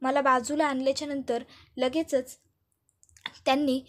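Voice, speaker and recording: A woman's voice: high voice, level tone, measured pace. A woman voicing a frightened middle-aged mother recounting her kidnapping to her daughter. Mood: pleading. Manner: earnest, urgent recounting.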